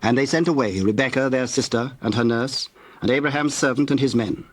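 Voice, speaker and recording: A man with a mid-range voice reads scripture from a script, narrating in a measured, formal storytelling style.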